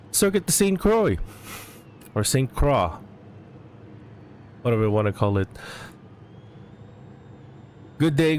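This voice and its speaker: A man giving live sim racing commentary as a regular commentator, halting and often correcting himself. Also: medium pitch, a little mellow, slight background noise. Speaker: race commentator.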